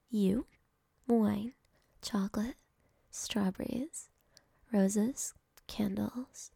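A young woman whispering softly and affectionately to a partner in an ASMR roleplay, speaking close to the microphone. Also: medium pitch, gravelly, breathy edge, no room sound. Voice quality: soft whispering, intimate and affectionate. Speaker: girlfriend in a roleplay.

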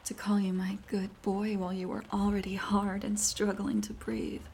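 A woman playing a seductive, teasing, dominant neighbor in an ASMR role-play, breathy and coaxing, speaking intimately right in the listener's ear. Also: medium pitch, monotone, a little hiss or hum, lightly acted. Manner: intimate soft-spoken right in your ear; slow, coaxing, breathy delivery.

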